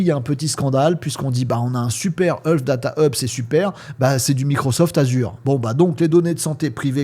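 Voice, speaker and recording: A man's voice: mid-range voice, mellow. A man from France hosting a casual tech news review, chatty and hesitant with frequent fillers, speaking to viewers as friends.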